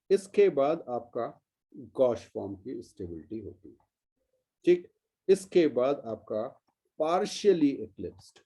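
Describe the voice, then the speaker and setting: A patient male teacher from India walks his students through a chemistry lesson one step at a time. His voice sits a little high but has a mellow, warm color. He stretches out the key terms as he writes them down. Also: lo-fi sound. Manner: patient, step-by-step explaining, addresses students as "beta". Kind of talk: classroom lecture.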